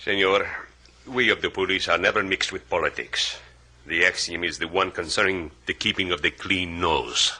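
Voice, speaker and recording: An actor playing a formal, guarded Cuban police inspector, speaking slowly and politely with a Cuban Spanish accent in a 1950s radio drama. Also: male voice, sits low, pushed and bright, breathy edge, heavily acted. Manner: overly polite, slow and precise.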